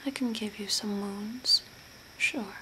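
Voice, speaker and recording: An ASMR role play features a young woman in a mid-range, breathy, soft whisper portraying an eerie, calm zombie makeup artist. Her manner is slow and deliberate as she gently instructs. The setting is a small room at home by a window, recorded noisily with background hiss and clear ambient noise.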